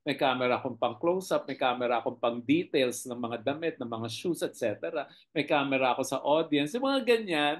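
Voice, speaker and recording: A middle-aged director with a Filipino accent, telling behind-the-scenes stories in a casual interview with animated, expressive storytelling. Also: mid-range voice, fairly quick. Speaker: television director, guest.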